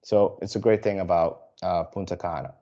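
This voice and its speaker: A man from the Dominican Republic who sells for an airline presents to travel advisors in a casual, halting way, with lots of fillers and restarts. His voice sits low and dark, with fairly even intonation, and the recording sounds muffled.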